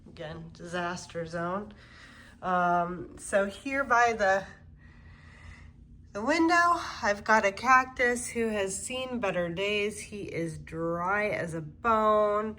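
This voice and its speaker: A woman with a medium-pitched voice speaks slowly, hosting a plant channel while congested from a cold. She chats in a relaxed way with fillers as she walks from room to room at home, giving a casual home-tour vlog.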